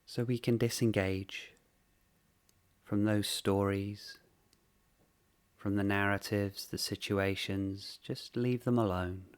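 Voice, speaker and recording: A man guides a meditation gently and without hurry, using short phrases separated by long pauses. His voice is fairly low, steady and clean.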